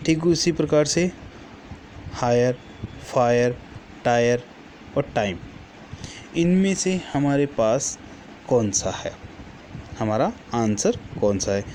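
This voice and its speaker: A man's voice: medium pitch, animated, slow pace, pauses often, a little mellow, slight background noise. A male teacher giving a classroom lesson, patiently repeating each word list and correcting himself as he goes. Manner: corrects himself mid-sentence.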